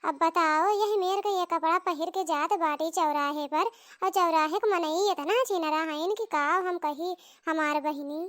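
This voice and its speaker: A woman's voice: extremely high pitch, unhurried, a bit bright. A woman voicing a quarrelsome rural mother-in-law in a comedy cartoon, wailing and scolding theatrically.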